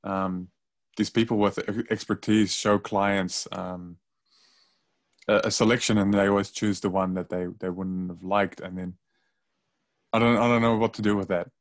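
A man's voice: on the low side, flat delivery, normal speed. Hedging man thinking aloud in chat. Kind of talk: casual chat over a video call.

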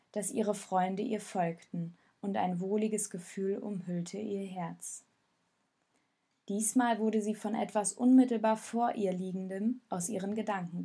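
A woman calmly narrating a storybook in measured audiobook style. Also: medium pitch, breathy edge.

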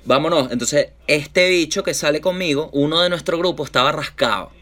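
A man's voice: fairly high pitch, fairly quick. A man with a Venezuelan accent telling a casual, slang-heavy anecdote on a chat show. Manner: lively anecdotes full of slang, acts out quoted voices.

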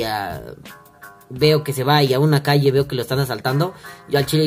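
A man's voice: a little high, a little mellow. A young Mexican man with a Mexican accent, telling a story in a crude, slang-filled, rambling vlog monologue. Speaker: vlogger.

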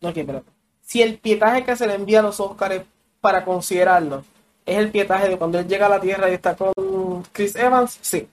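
A man's voice: high-pitched, a little fast. A man co-hosting a casual podcast chat, musing and thinking aloud as he talks. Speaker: podcast co-host.

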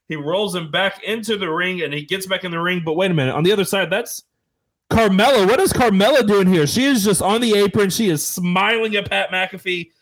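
A man narrating a wrestling video game as play-by-play commentary, excitable, with frequent fillers and self-corrections. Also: sits high, rough recording.

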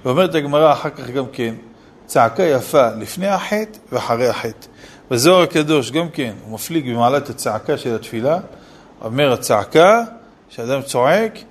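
A man, a city rabbi, giving a Torah lesson and firing off rhetorical questions with scolding asides. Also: on the high side. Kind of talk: Torah lesson on Selichot laws.

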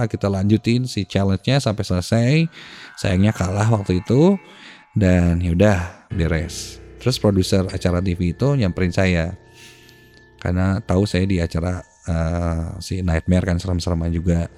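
A man, hosting a podcast and telling a ghost story in a hushed, suspenseful way. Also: low voice, moderate pace. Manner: hushed, suspenseful, dropping to near-whispers. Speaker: podcast host. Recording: faint music behind the voice.

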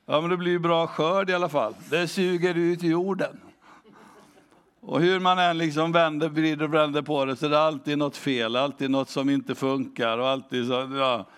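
A man delivers a sermon in a slightly raised voice. He talks straight to his listeners with question after question, then slows down to read scripture with care. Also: a little high, steady tone, a bit bright, clean tone. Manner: engaging, asks the congregation questions; reads scripture slowly and deliberately. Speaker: pastor.

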